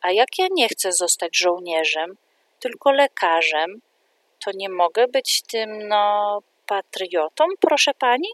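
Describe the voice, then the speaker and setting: A woman voicing an excited little preschool boy in a read-aloud storybook, high and loud. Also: takes it slowly, no echo. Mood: disappointed.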